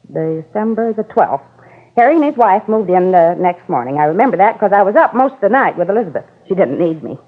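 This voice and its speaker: A woman with a medium-pitched, sing-song voice talks briskly, playing a chatty older neighbor who rambles and gossips about her cat. It's a 1950s-style radio drama heard through a tinny old broadcast sound.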